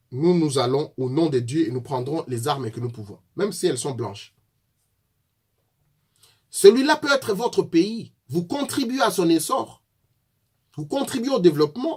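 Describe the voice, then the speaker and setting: Congolese guy ranting at his opponents, voice jumps all over, kinda raspy. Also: sits high, a little mellow. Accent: Congolese French. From Congo (DRC). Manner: fiery, accusatory, addresses opponents directly. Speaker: political activist. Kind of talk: impassioned political address.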